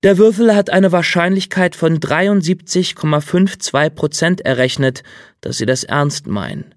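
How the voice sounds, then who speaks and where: A man's voice: a little high, a little slow, dry recording, clean studio sound. A man voicing a cold, insistent middle-aged state official in an audiobook reading. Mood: coolly satisfied.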